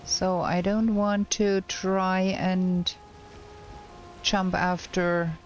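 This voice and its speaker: A woman streamer giving casual gameplay commentary, thinking aloud in a slow, hesitant way, her voice cracking because she is unwell. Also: lowish voice, level tone, highs cut off, soft background music. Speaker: game streamer.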